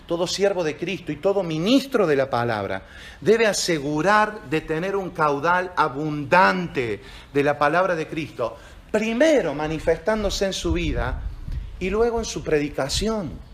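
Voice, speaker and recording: High-voiced pastor preaching with slow emphasis. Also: male voice, animated, fairly bright tone. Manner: slow, emphatic stresses on key phrases. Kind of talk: sermon.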